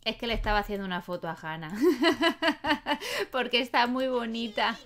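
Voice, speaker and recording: Quick-paced and chatty, this young gaming host narrates a life-simulation Let's Play, fussing over and scolding the characters as a doting mother would. Her voice sits slightly high, with a creaky, somewhat bright quality.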